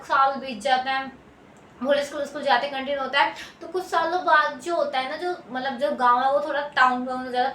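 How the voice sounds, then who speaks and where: A woman's voice: high voice, a bit bright. A woman tutor casually retelling a textbook story, rambling with many fillers and restarts. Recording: echoey room, distant mic, faint noise.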